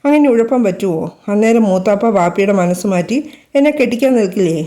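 A woman's voice: medium pitch, animated, fast talker, warm tone, close to an everyday voice. A woman voicing an anxious, loving young female student in an audio storybook, earnest and emotional. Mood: worried.

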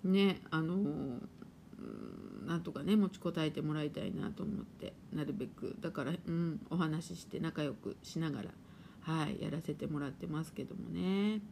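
A woman's voice: sits low, sing-song, moderate pace, creaky, mellow, a little hiss or hum. Chatty laughing woman streaming live. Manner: chatty, laughs often, voices her washing machine playfully. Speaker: live-stream host and spiritual therapist. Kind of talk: casual live-stream chat reading viewer comments.

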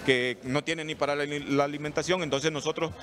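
A man's voice: on the high side, steady tone, fairly quick, a bit bright. A middle-aged man, answering interview questions earnestly, often restarting his phrases, into a handheld mic in a large hall. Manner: earnest, explanatory, with frequent restarts. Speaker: institute director being interviewed. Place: large indoor hall with murals. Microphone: handheld reporter mic.

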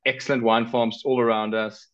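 Over a headset on a video call, with somewhat dull audio, a middle-aged man speaks with a South African accent. He's the director of a car rental company appearing casually as a travel guest in an interview, using a medium-pitched voice, flat delivery and moderate pace.

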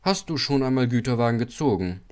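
A man's voice: medium pitch, animated, a little fast, darkish tone, lightly acted. A man doing a stern, stout railway director. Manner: strict, lecturing. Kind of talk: audiobook character voice.

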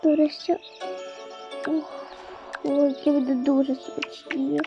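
Excitable high-voiced woman narrating. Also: slow pace. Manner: excitable, exclaiming. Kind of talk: narrating a game-play story. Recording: dull lo-fi with faint music.

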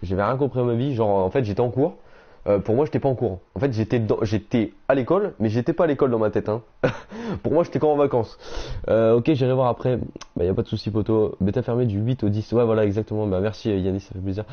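A young man chatting casually on a game live stream, reading out viewers' messages and answering them in slangy, relaxed talk. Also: on the low side. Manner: slangy, reads chat aloud and answers viewers. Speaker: gaming streamer. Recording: dull lo-fi stream audio.

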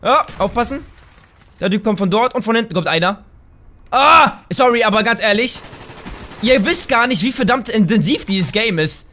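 A man doing let's play gameplay commentary, chatting straight to his viewers and breaking into loud, excited shouts. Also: high voice, moderate pace. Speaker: gaming channel host.

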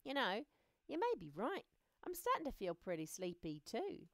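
An excitable, kind little worm, as a woman puts it on for a storybook, chirping high and eager. The voice leaps up and down a lot, recorded close and dry. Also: moderate pace, no echo. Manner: bright, eager, raised pitch. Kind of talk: storybook read-aloud.

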